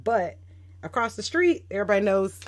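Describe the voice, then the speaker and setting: This guest on a casual podcast is an educator in her thirties who speaks at medium pitch and a little fast. She tells her stories reflectively and gets animated when quoting others.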